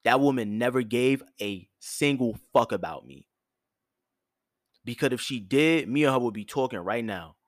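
A man hosting his own show, giving blunt, profane dating advice in a firm yet soft tone, with features. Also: medium pitch, animated, normal speed, dry recording, clean studio sound. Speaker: host. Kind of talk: direct advice monologue.

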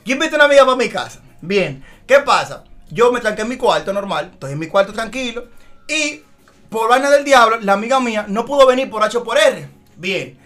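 A man, co-hosting a podcast in casual chat and telling an animated story. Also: very high-pitched, brisk. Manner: storytelling, animated, laughs often. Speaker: podcast co-host.

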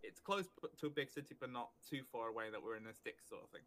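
A man with a North Welsh accent chats as a guest on a podcast. He sounds easygoing and relaxed, and he is quick to laugh. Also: mid-range voice, slight background noise. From North Wales. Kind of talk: casual interview chat.

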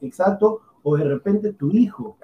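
A man's voice: high voice, animated, unhurried, gravelly, highs cut off, a crowd in the background. A man with a Peruvian accent co-hosting a casual talk show, giving opinions emphatically and repeating himself.

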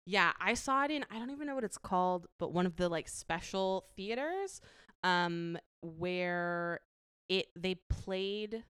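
A woman's voice: lowish voice, lively intonation, unhurried, a bit bright, clear, resonant tone, no echo, clean studio sound. A woman co-hosting a casual movie chat, chatty, with many fillers and restarts. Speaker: podcast co-host.

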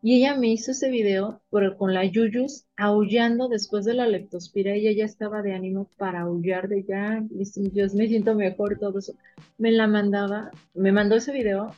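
A woman with a Mexican accent, a veterinarian guest in an interview, telling her stories in an animated, emotional way. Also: mid-range voice, normal speed, highs cut off, faint music behind. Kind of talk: casual interview storytelling.

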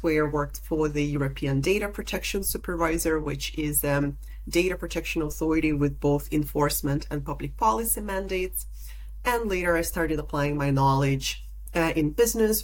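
A woman from Lithuania in her thirties, a podcast guest answering interview questions in a measured, articulate way. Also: sits low, rough recording. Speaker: podcast guest, data protection officer.

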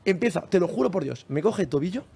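Young guy from spain, spanish accent, podcast banter, acts out what people said to him, slightly high voice. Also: quick pace, vocal fry, husky. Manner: animated, acts out quoted dialogue, laughs often. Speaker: podcast host. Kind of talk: casual storytelling chat.

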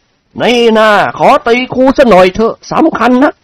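Cast a male reader voicing a brash young hoodlum student in a storybook reading: high, slow and mocking. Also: lively intonation, dry recording. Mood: insolent. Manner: slow, teasing and impudent. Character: cocky young male student ruffian, insolent.

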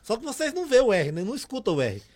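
A man's voice: extremely high pitch, very fast. A man from Paraíba in Brazil, hosting a casual chat and telling stories, acting out vendor calls. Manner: animated, acts out street-vendor calls.

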